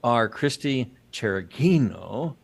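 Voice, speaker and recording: A man's voice: medium pitch, animated, takes it slowly, creaky, breathy edge. A man in his fifties with a Boston accent, hosting a podcast in a casual way into a studio microphone. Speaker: podcast host. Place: indoor office. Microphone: boom studio mic with headset.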